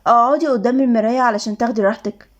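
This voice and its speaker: A woman's voice: a little high, steady tone, racing, lightly acted. A woman with an Egyptian accent voicing a nervous, awkward young groom in a storybook reading, hesitant and embarrassed. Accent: Egyptian Arabic.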